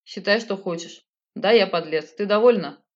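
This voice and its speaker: A man's voice: high-pitched, moderate pace, lo-fi sound, close to an everyday voice. Woman reading as a cold sarcastic man. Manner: icy, mocking. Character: evasive adult man, cool and sarcastic.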